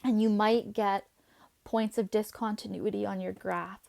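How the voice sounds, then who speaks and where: Woman, math teacher, slightly hoarse, chatty, mid pitch, dry close sound. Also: steady tone, measured pace, mellow, no room sound. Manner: chatty, talks while writing, asides to students. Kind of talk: classroom math lesson.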